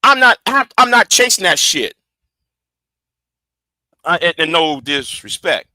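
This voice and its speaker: A man in his forties runs a heated livestream, speaking in a high, piercing, bright voice. He stammers, doubles back and repeats words as he pushes his point. The sound is close and dry, with no room around it. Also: very animated, measured pace, no echo. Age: 40s. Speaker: livestream host.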